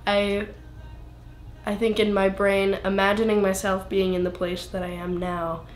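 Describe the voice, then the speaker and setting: A woman's voice: mid-range voice, level tone, unhurried, reverberant, soft background music. A young woman in her twenties, a singer being interviewed, talking in a rambling, self-interrupting way with lots of fillers. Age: 20s. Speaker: singer-songwriter guest. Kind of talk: casual interview.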